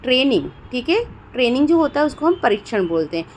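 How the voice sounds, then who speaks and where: A woman's voice: high voice, big pitch swings, quick pace, a little hiss or hum. A woman with an Indian accent teaching English words, who keeps checking in with her listeners and asks each question before she answers it. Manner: repeats "theek hai doston" often and asks questions before giving answers. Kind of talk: spoken vocabulary lesson.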